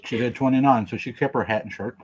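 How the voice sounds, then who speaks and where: A man from Oklahoma hosts a relaxed livestream over a meal, laughing, joking, and reading comments from his audience. His medium-pitched voice is quick and a little mellow, and there's slight background noise.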